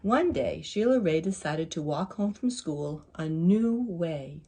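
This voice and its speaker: A woman reads a children's story at an unhurried pace. Her voice is soft-edged and mellow with a little huskiness, and she delivers the tale expressively, as if to young listeners. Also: fairly low pitch, lively intonation, husky. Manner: deliberate, pausing to ask listeners questions. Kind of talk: expressive picture-book read-aloud for young children.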